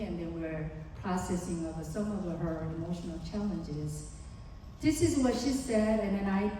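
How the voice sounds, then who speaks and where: Her medium-pitched, mellow voice carries a Korean accent as she, a psychologist, earnestly walks parents through ideas in a seminar and acts out examples. The large conference hall makes the sound distant and echoey, and there's slight background noise.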